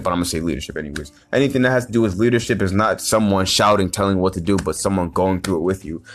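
Over faint background music, a low-voiced man rants motivationally off the cuff as a vlogger. Profane and repetitive, he keeps restarting his sentences, loops back to the same ideas, and erupts into loud, frustrated emphasis.

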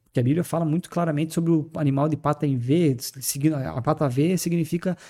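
A man with a Brazilian accent, a podcast guest, telling stories in a fast, animated way in a studio. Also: fairly high pitch. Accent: Brazilian Portuguese. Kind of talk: casual podcast talk on faith.

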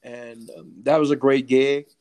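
A man's voice: mid-range voice, little pitch movement, a little slow, a little mellow, clear, resonant tone. An older man, an author and poet, telling stories in a casual interview, repeating himself and laughing often.

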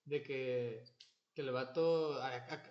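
A man's voice: mid-range voice, fairly even intonation, takes it slowly, a little hiss or hum. Young Mexican man, dull echoey sound. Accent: Mexican Spanish.

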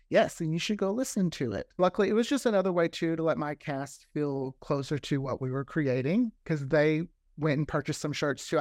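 A man with a somewhat high voice chats casually as a guest on a podcast, enthusiastic and talkative, often acting out imagined dialogue. He's a podcast creator being interviewed, and the recording is studio quality with no room sound.

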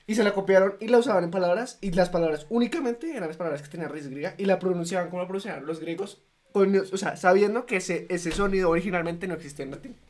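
A man's voice: high voice, fast, a little mellow. A man in a casual podcast chat, eagerly explaining things with many fillers.

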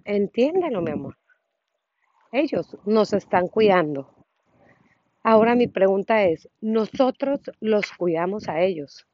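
A woman's voice: mid-range voice, no echo, highs cut off. Earnest Mexican woman podcaster. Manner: earnest, impassioned, asks rhetorical questions. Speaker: podcast host. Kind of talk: reflective solo podcast monologue.

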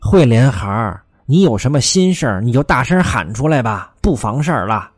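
A male storyteller playing the gentle mistress of a household, speaking softly and soothingly, in a dry, close recording. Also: medium pitch, sing-song, moderate pace, no echo. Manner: soft, soothing.

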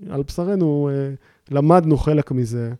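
A man speaking as a podcast guest, explaining a volunteer memorial project in a halting, searching way with frequent pauses. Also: a little high, warm tone, no room sound, clean studio sound. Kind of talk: casual conversation.

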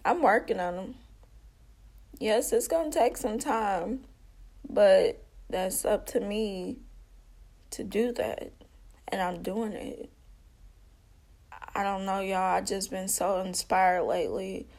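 Speaking slowly at a medium pitch, this woman has a gravelly, slightly mellow voice and pauses often. She's a vlogger telling an earnest personal story in a conversational way, calling her audience "y'all" and circling back on her words with minor slips.

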